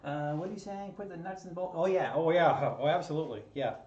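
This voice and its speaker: A slightly high, slightly fast male voice with a darkish tone, recorded with a little background noise. He hosts a maker channel from his home basement workshop, building a 3D printer kit while chatting, poking fun at himself and chuckling often. Captured by a tripod camera across the table, the audio sounds roomy, far off and a touch dull.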